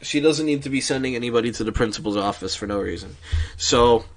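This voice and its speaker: A man's voice: mid-range voice, quick pace. A tired young man streaming late at night, rambling casually and swearing often as he talks. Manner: rambling, sweary, with many restarts.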